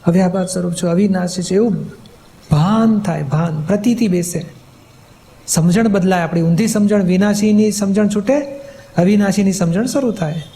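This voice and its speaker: High-pitched, mellow-voiced man teaching patiently. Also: normal speed, slight background noise. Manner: patient, explanatory, asks rhetorical check questions. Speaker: spiritual teacher answering questions. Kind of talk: spiritual question-and-answer talk.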